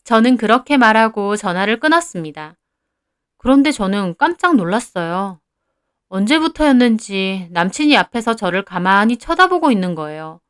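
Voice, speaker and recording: A woman's voice: mid-range voice, sing-song, normal speed, fairly bright tone, smooth, dry recording, clean studio sound. A young woman narrating a first-person story in a confiding, conversational way.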